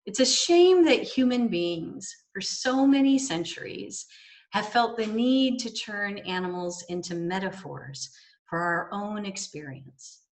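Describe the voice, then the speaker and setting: A woman minister giving a sermon in a measured, gently wry way. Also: mid-range voice.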